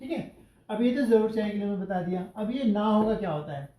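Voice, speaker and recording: A man's voice: high-pitched, expressive, a little fast, dark tone, echoey room, poor audio. A male English teacher giving a classroom grammar lesson, asking the class questions and spelling out example sentences word by word.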